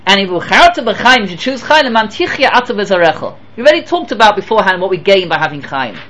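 A man giving a Torah lecture as a rabbi. He mixes Hebrew and Yiddish terms into his English and swings between emphatic and hushed delivery. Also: high-pitched, sing-song, quick pace, a little hiss or hum.

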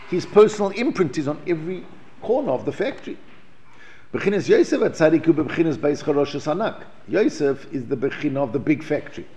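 In a lo-fi, dull recording with a little hiss or hum, a South African man teaches Torah, reading Hebrew passages and explaining them in English. He restarts often and repeats words. His voice is fairly high, creaky and darkish in tone.

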